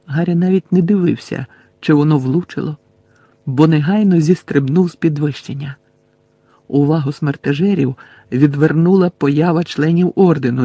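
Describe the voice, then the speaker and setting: A man reading an audiobook with dramatic, steady storytelling. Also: on the high side, no echo. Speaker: audiobook narrator. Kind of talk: scripted narration.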